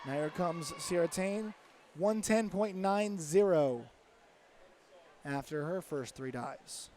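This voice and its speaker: A man giving live commentary at a diving championship, briskly announcing each diver and score. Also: fairly high pitch, a little mellow.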